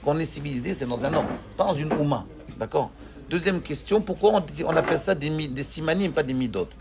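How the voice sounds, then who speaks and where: Animated rabbi teaching a class. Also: male voice, on the high side, fast talker, gravelly, background noise. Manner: animated, questioning, joking with students. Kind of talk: lively Torah class with students.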